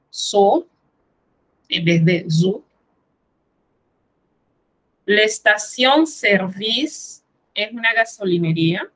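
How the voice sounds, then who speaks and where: A woman teaching a French vocabulary lesson, who says each French word slowly, then translates it and patiently explains the spelling. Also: medium pitch, fairly bright tone, low-quality recording.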